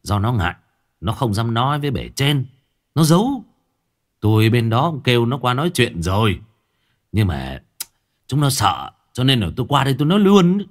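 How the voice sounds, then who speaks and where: A man reading a story, voicing a hearty, talkative older village father who chats warmly with his friend. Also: medium pitch, sing-song, normal speed, pauses often, lightly acted. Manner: hearty, chatty.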